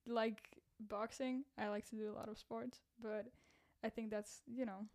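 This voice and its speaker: Woman podcaster, somewhat high voice with cracks, loose rambling self-mocking delivery. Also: flat delivery, normal speed, a little mellow. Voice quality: voice cracks, a bit rough. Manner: rambling, self-deprecating, laughs at own jokes. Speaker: podcast host and content creator. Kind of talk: casual solo podcast chat.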